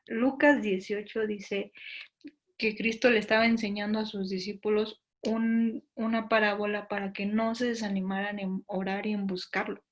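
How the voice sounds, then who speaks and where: Una mujer predica un sermón juvenil animado con acento mexicano, con tono de plática y contando anécdotas con humor. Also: female voice, mid-range voice, level tone, normal speed. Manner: playful, storytelling, acts out her own pleas. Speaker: youth preacher. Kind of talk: lively youth sermon.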